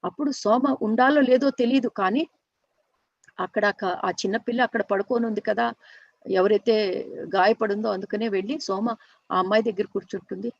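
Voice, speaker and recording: A woman telling a long story unscripted, earnest and halting, often restarting and correcting herself mid-sentence. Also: medium pitch, gravelly, dry recording, muffled recording. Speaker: storyteller and workshop teacher.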